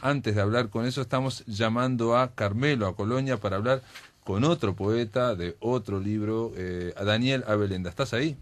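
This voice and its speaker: A man's voice: fairly low pitch, normal speed. A man with a Uruguayan accent hosting a radio talk show, chatty with frequent fillers. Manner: warm-up chatty, many fillers. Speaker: radio host. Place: radio studio.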